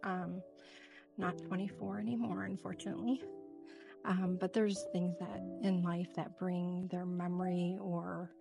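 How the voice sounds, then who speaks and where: A woman's voice: fairly low pitch, level tone, unhurried, vocal fry, over music. A middle-aged woman speaking as an interview guest in a reflective, conversational style. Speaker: guest, hospice nurse.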